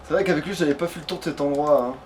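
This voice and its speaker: A crowd can be heard behind this let's player, in a clearly noisy background. He talks very fast in a fairly high voice, swearing casually and muttering to himself during play.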